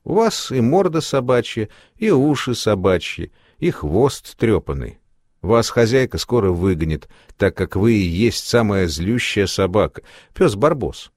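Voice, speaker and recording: A man voicing a sly, sweet-voiced young seamstress girl who mocks slowly and calmly. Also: fairly low pitch, no room sound, studio quality. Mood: sweetly mocking. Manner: sugary, mocking, unhurried.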